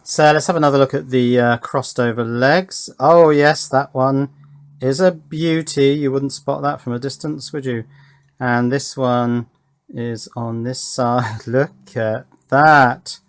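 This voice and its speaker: Speaking slowly and steadily in a mid-range voice, an electronics workshop host gives a relaxed hands-on demo, thinking out loud and putting small questions to himself.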